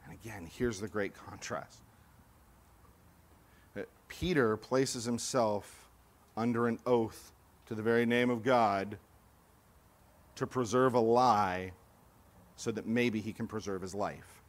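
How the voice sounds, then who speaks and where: A man from California preaching a sermon, moving between loud, emphatic lines and quiet, low asides, and acting out accusers' voices. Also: steady tone, takes it slowly, long pauses. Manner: acts out accusers' lines with raised voice. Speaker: pastor.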